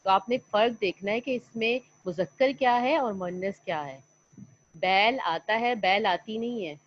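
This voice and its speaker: A woman teacher giving an online lesson to young children, coaxing them along by asking questions and answering them herself. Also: mid-range voice. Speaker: primary school teacher. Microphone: computer mic on an online class call. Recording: slightly dull lo-fi online call audio.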